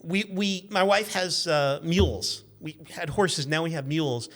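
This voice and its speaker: A car magazine editor and former radio intern in his fifties chats casually as a guest, his voice a little high and his pace measured. He tells anecdotes in a self-deprecating, joking way, rambling and digressing freely.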